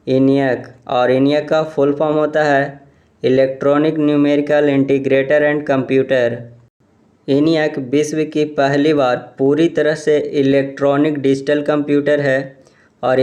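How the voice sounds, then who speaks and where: A man reading exam questions aloud and explaining each answer in a steady, repetitive way. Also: on the high side. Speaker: exam quiz presenter.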